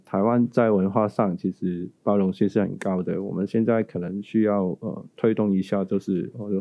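A man's voice: fairly low pitch, no room sound, highs cut off. A man hosting an interview, asking his questions in a tentative, roundabout way. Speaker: interviewer, host.

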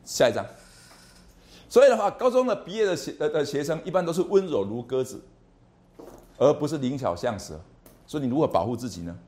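A man lecturing to a university class in a lively, animated way, often repeating words and asking the class questions. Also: a little high, brisk, pauses often. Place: lecture hall.

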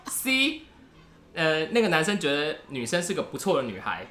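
In a new recording spot with a roomy echo and a little hiss or hum, a Taiwanese Mandarin-accented man co-hosts a relaxed podcast, throwing joke quiz questions at his partner in a playful, storytelling way. His fairly high voice swings hugely in pitch, sounding bright and forceful at a moderate pace.

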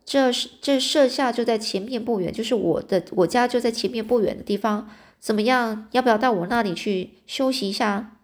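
A woman's voice: on the high side, brisk, close to an everyday voice. Glib, sociable male naturalist, hearty talker, read by a woman narrator, storybook style. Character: smooth-talking male naturalist, sociable adult. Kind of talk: storybook reading.

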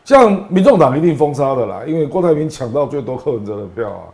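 A man's voice: fairly high pitch, animated, quick pace, a little mellow. A man with a Taiwanese accent giving casual political commentary as a guest, colloquial and emphatic, with particles closing his phrases.

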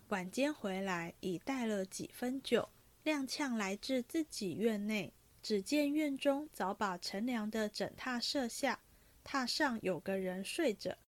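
A woman reading a classic novel aloud in steady, brisk narration. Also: a little high. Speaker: reader of classic literature.

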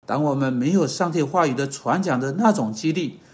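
Earnest higher-pitched male preacher. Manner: earnest, measured, with hesitant fillers and self-corrections. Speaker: podcast Bible teacher. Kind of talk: sermon-style podcast teaching ending in prayer.

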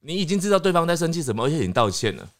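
Brief: Taiwanese-accented male co-host, quick, animated, plays out little quotes. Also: on the high side. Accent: Taiwanese Mandarin. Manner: animated, acts out quoted lines. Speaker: podcast co-host. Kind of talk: casual chat.

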